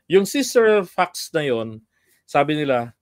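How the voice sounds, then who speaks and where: A man's voice: fairly high pitch, sing-song, slow, no room sound, clean studio sound. A man from the Philippines hosting a political commentary livestream, telling stories in a chatty way and laughing often.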